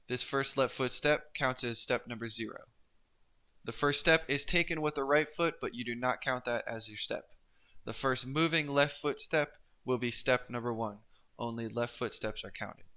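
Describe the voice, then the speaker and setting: A man giving instructional narration as a coach, explaining each step in a careful, unhurried way. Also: mid-range voice, pushed and bright, clean tone. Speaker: pole vault coach and instructor. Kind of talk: instructional narration of technique and demonstrations.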